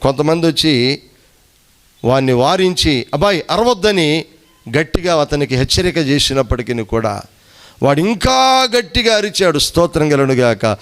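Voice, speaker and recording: A male pastor preaching emphatically, repeating phrases and swinging his voice between high rises and low drops. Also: expressive, moderate pace, a bit bright, clean tone. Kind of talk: sermon.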